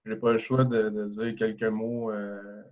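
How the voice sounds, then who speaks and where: A man in his thirties with a Québécois accent speaks in a low, flat, even tone. He talks in a relaxed, halting way, full of fillers and restarts. The audio is dull and lo-fi. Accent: Québécois French. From Quebec. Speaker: guest, professional hockey player. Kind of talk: casual podcast interview.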